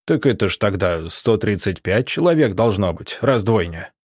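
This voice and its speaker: A man's voice: lowish voice, expressive, moderate pace, a little mellow, husky, dry recording, clean studio sound. Old village elder, 60s, weary and grumbling; male reader does him. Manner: tired, grumbling.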